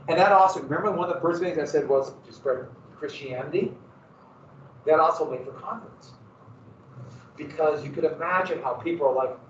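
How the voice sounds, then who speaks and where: A man with a Montana accent, his voice on the high side, gives a loose and rambling history lecture as a teacher, often downplaying himself. The sound is dull and echoey, recorded from a distance in a classroom, with slight background noise.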